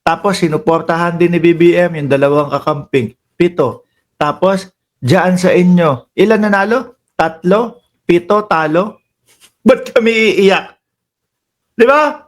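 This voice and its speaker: A Filipino-accented man hosting a casual political commentary stream, chatty and quick to laugh, calling out to his viewers. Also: sits high. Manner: chatty, laughs often, addresses viewers as bossing and kababayan. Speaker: political commentary livestream host.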